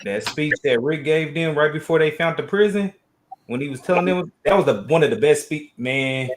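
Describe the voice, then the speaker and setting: A man's voice: fairly high pitch, moderate pace, slight background noise. A man chatting casually and with enthusiasm as a panelist on a live stream about comics and shows. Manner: enthusiastic, rambling fan talk. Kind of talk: casual chat.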